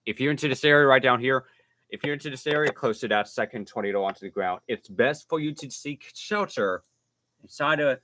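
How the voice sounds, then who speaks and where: Male amateur weather stream host, halting delivery, repeated phrases, radio-style update announcements. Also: medium pitch, bright, forceful tone, a little hiss or hum. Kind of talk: improvised live storm coverage commentary.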